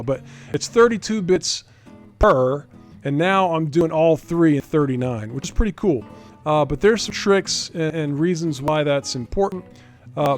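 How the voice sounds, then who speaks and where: This game developer presents a software demo in a casual screen recording, explaining things while voicing his thoughts along the way. His voice sits on the high side and has a slightly mellow quality.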